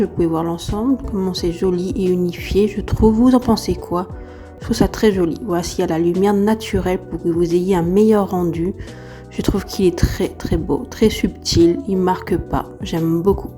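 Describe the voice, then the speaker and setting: A woman vlogger chats enthusiastically through a product review in a soft-edged, mellow voice. It is unsteady and tends to give out, as after a bad cold. Faint music plays behind her. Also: on the low side, moderate pace. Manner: chatty, enthusiastic, repetitive emphasis. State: recovering from a heavy cold, voice unsteady and giving out. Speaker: beauty vlogger. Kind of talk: casual product review to camera.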